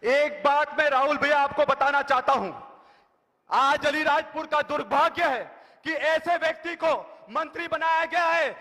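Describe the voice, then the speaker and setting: A man giving a loud, declamatory rally speech with drawn-out phrases over a public address system. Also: extremely high pitch, steady tone. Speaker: local party speaker introducing a leader at a rally. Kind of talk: rousing political rally speech. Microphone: public address microphone. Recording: echoing PA with long reverb.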